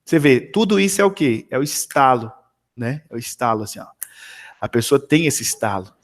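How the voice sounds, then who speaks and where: A man tutoring math one-on-one over a video call, chatting in an animated, storytelling way with many tag questions. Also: mid-range voice, fairly quick.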